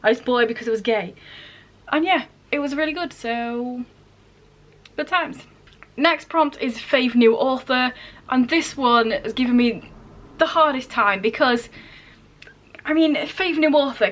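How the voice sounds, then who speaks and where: At a measured pace, a book vlogger with a high-sitting, fairly bright voice talks casually to her viewers. Along the way she amends what she says and wanders into little tangents.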